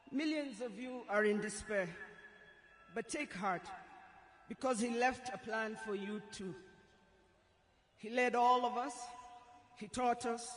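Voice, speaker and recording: A woman with a Kenyan accent delivering a solemn, emotional eulogy as a tearful goodbye, measured and deliberate with long pauses. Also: on the high side. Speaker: eulogist, daughter of the deceased. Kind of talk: solemn funeral eulogy speech. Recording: echoey public address, faint noise.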